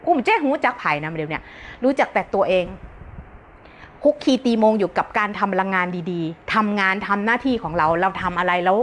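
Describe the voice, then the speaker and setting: A woman's voice: mid-range voice, expressive, brisk, fairly bright tone, a little hiss or hum. A woman teacher giving a brash, joking live-stream self-help talk, often breaking into laughter.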